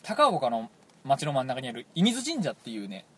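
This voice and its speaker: A man from Toyama with a Toyama dialect, telling a rambling, animated story as a radio show co-host in casual chat. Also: medium pitch, normal speed, slightly rough. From Toyama, Japan. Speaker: podcast co-host.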